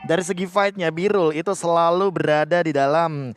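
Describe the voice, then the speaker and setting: A man's voice: on the high side, fairly even intonation, fairly quick, soft background music. A man with an Indonesian accent analysing an esports match conversationally as co-caster, mixing in English gaming terms.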